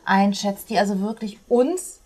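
Speaking at an unhurried pace in a medium-pitched voice, this interview guest is an author and speaker. She lays out her models in a lively way, now and then slipping into little performed quotations.

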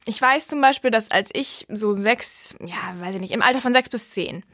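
A woman's voice: fairly high pitch, fairly bright tone, no room sound. Argumentative young woman, dry close voice. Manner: argumentative, quick to object, laughs often. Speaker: podcast guest, host's daughter. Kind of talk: casual podcast chat.

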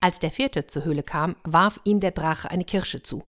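Low-voiced woman reading a children's story. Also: moderate pace, fairly bright tone.

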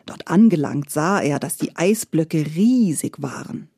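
A woman reading a fairy tale aloud as a storyteller, soft and expressive. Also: sits low, unhurried, husky, dry recording, clean studio sound.

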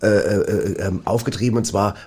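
Teasing host, dark husky voice, talks fast. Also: male voice, on the low side. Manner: teasing, hurried. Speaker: radio host. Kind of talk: casual comedy banter.

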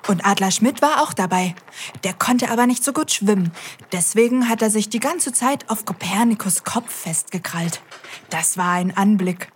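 A woman's voice: mid-range voice, animated, moderate pace, a little hiss or hum. A woman hosting a scripted children's audio show, cheerfully talking straight to the kids.

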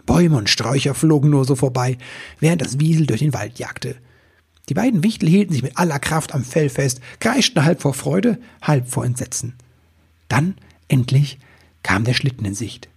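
Narrating a Christmas tale for children, a man speaks at normal speed with a calm, expressive storytelling style. His voice, mid-pitched, stays remarkably husky and breathy the whole way.

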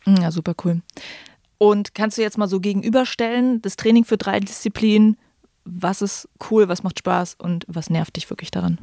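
A woman's voice: mid-range voice, moderate pace, creaky, mellow, no room sound, studio quality. A woman interviewing an athlete in a friendly, chatty way, with hesitant fillers. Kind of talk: casual interview questions.

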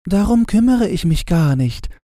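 A man reading a storybook aloud, voicing an earnest, sad young girl in a high pleading tone. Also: lively intonation, moderate pace, warm tone, no echo, studio quality. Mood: eager.

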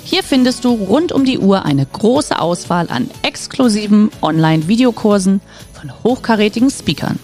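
A woman's voice: medium pitch, animated, moderate pace, a little mellow, faint music behind. A woman hosting a podcast, reading a friendly scripted introduction. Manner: friendly read-out announcement. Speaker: podcast host.

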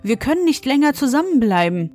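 A woman's voice: sits high, very animated, a little fast, darkish tone, faint music behind, voice pushed up. A woman voicing a stern, mysterious old woman in a fairy tale, speaking in a firm, commanding way.

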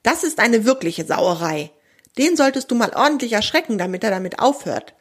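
A woman's voice: fairly high pitch, animated, a little fast, breathy edge. A woman voicing a proud, friendly female wild boar in a children's audio story, speaking with dignity and easy indignation. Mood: indignant.

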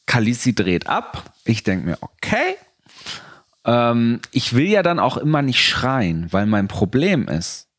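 A middle-aged man co-hosting a podcast in casual chat, animated, quick to protest and correct the story. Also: mid-range voice. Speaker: podcast co-host, dog trainer.

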